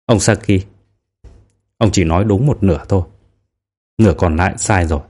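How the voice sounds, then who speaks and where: A man's voice: sits low, moderate pace, darkish tone. A man voicing a wary, candid young man in an audiobook, speaking earnestly and a little guarded. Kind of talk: audiobook character reading.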